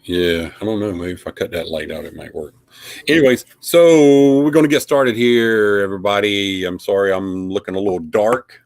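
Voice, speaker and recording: A man with a drawl hosts a live stream from a webcam, talking loosely and filling gaps with ums and uhs. His voice sits a little low, and the sound is dry and close. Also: normal speed, no room sound. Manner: rambling, filler-heavy, friendly. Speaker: paranormal investigator and live stream host. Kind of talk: casual live stream recap.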